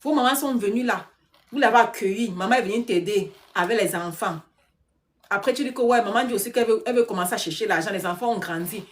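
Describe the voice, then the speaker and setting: A woman coach on a live stream, exhorting her viewers directly and dropping English phrases into her preachy sales pitch. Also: fast talker. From Africa. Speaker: online business coach.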